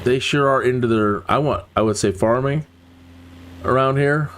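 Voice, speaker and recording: A livestream host with a mid-range, slightly bright voice flies a flight simulator at normal speed. He chats casually and muses aloud, voicing his thoughts as he goes.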